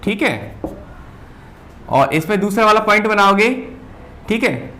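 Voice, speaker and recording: Man teaching grammar at a board, very slow, repeats himself while writing, faint hiss behind. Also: high-pitched, animated, sharp tone. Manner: slow, repeats words while writing, often says "ठीक है". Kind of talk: whiteboard grammar lesson.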